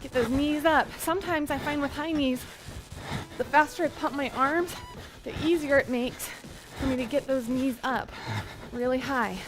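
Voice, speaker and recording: A woman's voice: high-pitched, normal speed, rough recording. A young adult woman coaching a workout as an encouraging aerobics instructor, counting down and cheering people on outdoors. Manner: encouraging, motivational. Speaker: fitness instructor. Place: outdoor covered wooden deck by a pond. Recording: music behind the voice. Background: workout music.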